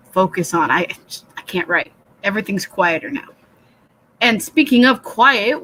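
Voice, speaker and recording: A woman hosting a late-night writing livestream from a home computer, chatting in a low, soothing voice, rambling and self-deprecating as she reads out the chat. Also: slight background noise, low-quality recording. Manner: speaks low and soft, said to sound soothing. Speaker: livestream host of a writing session. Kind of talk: casual live-stream chat. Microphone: computer webcam mic.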